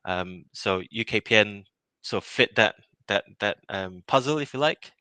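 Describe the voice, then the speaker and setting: Low bright-voiced man from Malaysia. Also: animated, moderate pace, smooth, no echo. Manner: hesitant, many fillers and restarts, laughs often. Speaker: innovation project lead. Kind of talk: casual interview answers.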